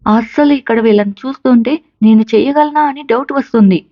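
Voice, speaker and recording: A woman's voice: on the high side, brisk, no echo, muffled recording, pitched above the performer's own voice, lightly acted. A woman doing an unsure young student son. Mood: doubtful. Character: doubtful young male college student, her son.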